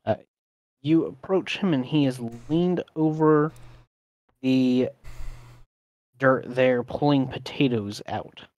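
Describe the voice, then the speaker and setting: A man running a tabletop role-playing game, narrating scenes and speaking for a shopkeeper in a relaxed way. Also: mid-range voice, slow pace, pauses often, no room sound, lo-fi sound. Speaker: game master.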